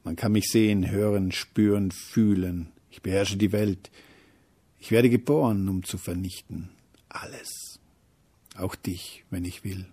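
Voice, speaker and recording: A man's voice: on the low side, fairly even intonation, measured pace, warm tone. A man voicing Hate, a menacing and domineering male feeling in a storybook, who drops into whispered threats.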